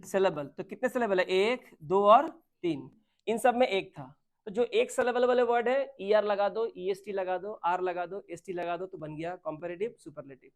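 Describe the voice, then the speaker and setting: A man's voice: high-pitched, normal speed. Man teaching a grammar lesson. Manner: asks questions and answers them himself; mixes Hindi with English terms.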